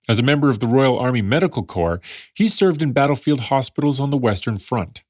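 A man's voice: medium pitch, lively intonation, brisk, darkish tone, no echo, clean studio sound. A man narrating a scripted story in a conversational way, with wry asides to the listener. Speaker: podcast narrator.

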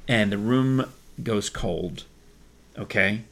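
A man's voice: on the low side, slow pace, a bit bright. A man co-hosting a podcast in casual chat, telling rambling stories and laughing often. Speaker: podcast co-host.

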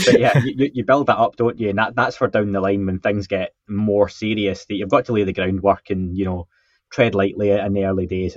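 A man's voice: fairly low pitch, dry recording. A man co-hosting a podcast in casual chat, joking and self-deprecating while he reads out listener comments. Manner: joking, self-deprecating, repeats words when starting. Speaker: podcast co-host. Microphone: podcast microphone with a faulty setup. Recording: dull, muffled mic sound.

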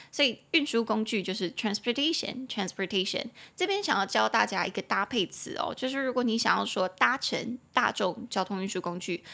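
A woman's voice: mid-range voice, vocal fry, a bit bright. A young woman with a Taiwanese Mandarin accent hosting a bilingual English lesson podcast, chatty and spelling words out letter by letter.

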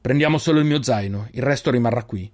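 A man voicing an old male keeper who leads the group, calm and commanding. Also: mid-range voice, quick pace, natural voice. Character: old male keeper, steady caring leader.

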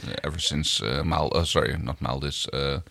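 Deep-voiced man in a dry podcast chat. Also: moderate pace, gravelly, pushed and bright, no room sound. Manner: agreeable, searching for words. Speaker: podcast co-host. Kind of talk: casual chat reviewing a TV series.

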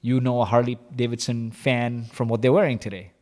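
A man's voice: mid-range voice, brisk. Man telling his story in a reverberant hall. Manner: animated, confessional, heavy use of "like" and "you know". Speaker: guest, company co-founder. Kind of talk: candid storytelling in an interview.

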